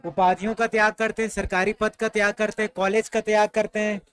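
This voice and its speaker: High, smooth-voiced man teaching history. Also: little pitch movement, fairly quick, a bit bright. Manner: quizzing students, answering his own questions; conversational, repeats "ठीक है" often. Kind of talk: classroom history lesson.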